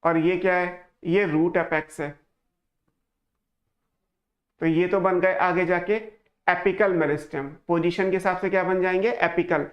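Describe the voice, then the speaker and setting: A man's voice: high voice, little pitch movement, unhurried, long pauses, lo-fi sound. A male teacher giving an online class lecture, explaining step by step, asking questions and answering them himself, mixing English phrases into his speech. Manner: mixes English phrases into Hindi.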